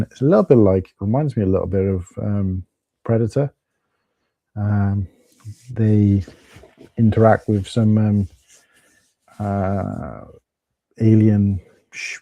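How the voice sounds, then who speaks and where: On a live stream, a middle-aged man rambles casually in a husky, low and fairly flat voice, his hoarseness coming from tiredness. The tone is very dark and mellow, with lots of fillers and restarts. The sound is dry and close, with no echo.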